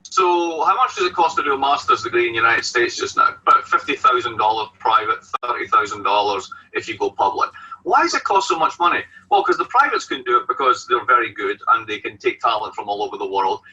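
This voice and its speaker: A man with a broad Scottish accent argues in a blunt, colloquial way. His voice is very sharp and quite raspy, with lively swings in pitch. He puts questions and answers them himself. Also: fast, distant mic. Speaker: economist and university professor. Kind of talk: animated spoken argument. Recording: dull radio-like sound, off mic.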